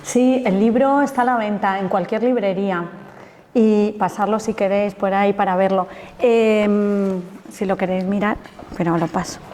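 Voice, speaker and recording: A woman's voice: mid-range voice, fairly even intonation, moderate pace, a little mellow. A woman lecturer, chatting enthusiastically and colloquially while taking questions after her talk. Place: lecture hall. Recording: long reverb of a lecture hall.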